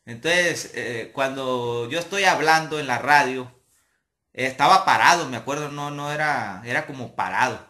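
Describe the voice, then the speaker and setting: A young Mexican man casually telling a profane anecdote, talking in an animated way and laughing along as he goes. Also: medium pitch, moderate pace. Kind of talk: casual storytelling.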